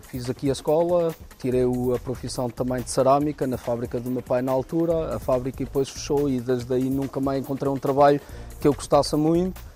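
A man answers interview questions in a plain, matter-of-fact way. His voice is warm and dark, and faint music plays behind him. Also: mid-range voice, a little fast. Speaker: self-employed transport businessman.

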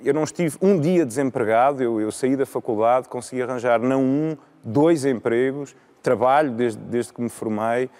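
A man in his thirties with a European Portuguese accent, speaking as a guest in a live panel debate, measured and often restarting his sentences. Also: medium pitch, mellow. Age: 30s. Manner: measured, with frequent repetitions and restarts. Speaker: law lecturer and debate guest.

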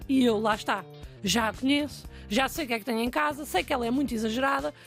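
A young woman with a European Portuguese accent tells a funny story about herself at a rapid clip. Her voice sits high and has a gravelly fry. Faint music plays behind her. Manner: lively, self-mocking, animated. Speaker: guest storyteller. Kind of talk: comic anecdote, casual chat.

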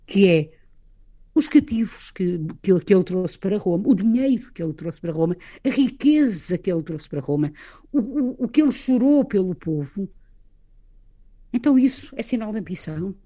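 A woman's voice: medium pitch, expressive, a little fast, dark tone. A woman with a European Portuguese accent, a guest in a conversational literary discussion, explaining with animation and frequent tag questions.

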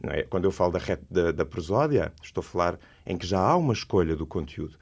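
A man's voice: sits low, very animated, fast, vocal fry, darkish tone, husky. A man with a European Portuguese accent, a speech trainer explaining as a guest, who stresses key words with sudden rises. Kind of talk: explanatory interview talk.

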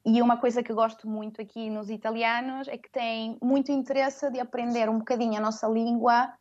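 A language teacher from Venezuela, raised in Madeira from age 12, speaks as a guest in a conversational interview. She talks fairly quickly and hesitantly in a higher, level but darkish voice, with frequent fillers and tag questions. The recording sounds muffled.

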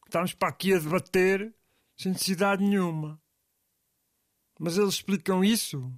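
A man's voice: high-pitched, steady tone, normal speed, no echo, clean studio sound, lightly acted. A man with a European Portuguese accent in comic scripted banter, asking puzzled questions and giving in easily.

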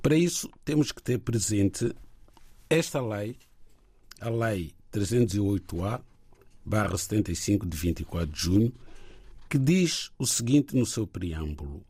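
A middle-aged man explains legal matters in a careful, halting manner. His voice is dark and somewhat husky. The sound is dry and close. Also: on the low side, animated, dry recording. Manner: measured, deliberate, with frequent hesitations. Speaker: lawyer guest. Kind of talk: legal explanation on a radio program.

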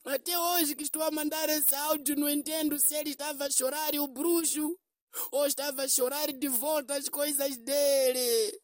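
A woman's voice: high voice, flat delivery, fairly quick, no echo, clean studio sound. A woman telling a comic story in a voice message, acting out the people in the tale. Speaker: storyteller sending a comedy audio.

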